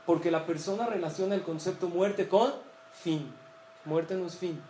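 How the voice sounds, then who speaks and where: High-voiced man preaching in echoey room. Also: normal speed, dark tone, slight background noise. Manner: storytelling, asks and answers questions. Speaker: rabbi giving a talk. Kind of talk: sermon. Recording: echoey room with faint ambience.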